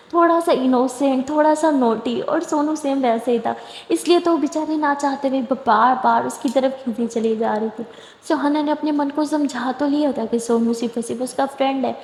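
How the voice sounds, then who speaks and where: Female storyteller, chatty, high voice, roomy echo. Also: a little mellow. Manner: chatty, asides to listeners. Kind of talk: casual spoken story narration. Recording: echoey room with long reverb.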